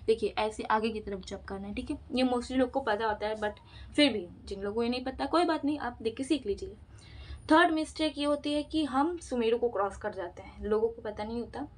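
A woman talks through a devotional chanting lesson in a relaxed vlog, her voice sitting a little high. She chats along, mixing in English phrases and demonstrating with her hands as she explains. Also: a little fast. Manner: chatty, mixes Hindi with English phrases. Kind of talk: casual instructional vlog.

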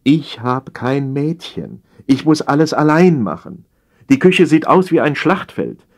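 A man putting on a husky, nagging empress. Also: fairly high pitch, sing-song, normal speed, darkish tone, pitched above the performer's own voice. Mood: lamenting. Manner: scolding, complaining. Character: nagging harried empress, a grown woman, fussing about housework. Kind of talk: audiobook character voice.

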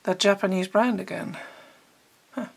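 A woman art teacher chatting casually and eagerly as she unboxes art supplies, thinking out loud as she goes. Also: medium pitch, measured pace, vocal fry, breathy edge. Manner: chatty and enthusiastic, thinking aloud.

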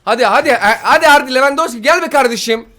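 A young man giving excited gameplay commentary while opening player packs, pleading and grumbling in frustration by turns. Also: very high voice, very fast, faint music behind. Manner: swings from pleading to loud frustration.

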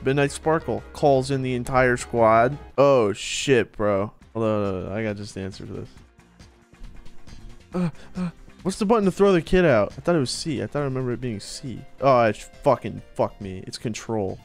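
A man streaming a game and commenting, excitable, laughing and shouting often, swearing a lot. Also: mid-range voice, normal speed, soft background music. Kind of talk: gameplay commentary.

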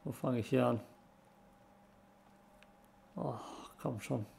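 A man's voice: mid-range voice, steady tone, slow, vocal fry, darkish tone. A man giving casual, offhand commentary while he plays a video game, muttering to himself. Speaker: gamer commenting on own playthrough.

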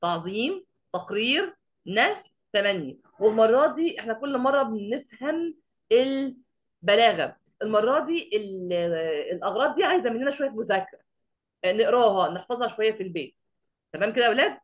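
A woman teacher with an Egyptian Arabic accent gives an online class lecture. She keeps quizzing the class and recites verses slowly. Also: a little high, lively intonation.

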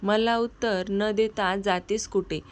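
A woman's voice: mid-range voice, slow pace, close to an everyday voice. Woman reading as a teasing young husband. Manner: teasing, calm.

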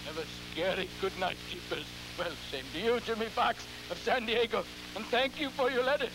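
A man playing a ghoulish, theatrical horror host, halting and repeating his words in a campy, scheming, cackling manner on an old television show. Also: high-pitched. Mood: macabre, gleeful. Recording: noisy, humming vintage television recording.

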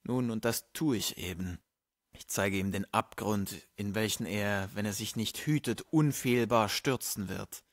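A man's voice: fairly low pitch, a little slow, dry recording, studio quality. A man playing an irate, preachy old friar. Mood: indignant. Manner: indignant, preachy, quoting scripture. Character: irate, pompous male friar, older theologian.

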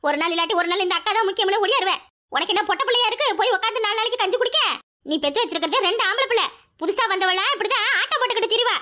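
A high-voiced performer playing a bitter, scornful widowed elder sister in a family-serial dub. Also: very fast. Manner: sharp, scornful.

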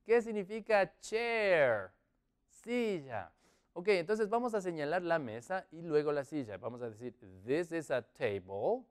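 A man with a Latin American Spanish accent teaching children English words, encouraging them and drawing out each word slowly for repetition. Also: on the high side, smooth. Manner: slow, drawn-out model pronunciation; lively, encouraging, repeats words.

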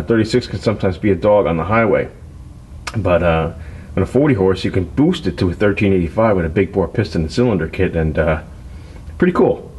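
A man owner of a car restoration shop, giving a casual walkaround tour in his garage, talking in a relaxed, rambling way with lots of fillers. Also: on the low side.

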